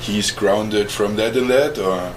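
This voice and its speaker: A man in his forties with a German accent and a very low voice tells his life story in an interview. He pauses to search for English words and chuckles now and then. A steady background noise sits under the recording. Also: low-quality recording. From East Germany. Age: 40s. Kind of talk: oral history interview.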